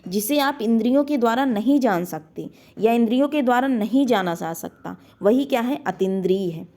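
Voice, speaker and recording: Higher-voiced woman teaching grammar. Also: animated, mellow. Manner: asks a question, then answers it herself; repeats key words slowly for emphasis. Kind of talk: exam-prep grammar lesson.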